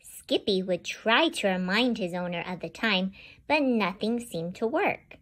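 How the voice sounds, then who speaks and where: With a mid-range voice and a slightly slow delivery, a woman host brings a picture book to life for children, animated throughout and talking directly to her young audience.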